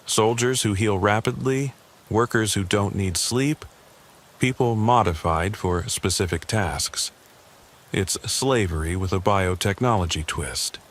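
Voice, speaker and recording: A man's voice: lowish voice, unhurried, a bit bright. A man voicing a determined woman undercover agent, giving a terse, grim report in a horror story.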